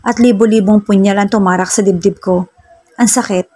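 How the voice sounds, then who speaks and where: A woman narrates a first-person romance serial in a slow, heartfelt reading. Her voice is husky and sits at a middle pitch. She speaks as the show's regular storyteller. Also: fairly even intonation, warm tone, low-quality recording.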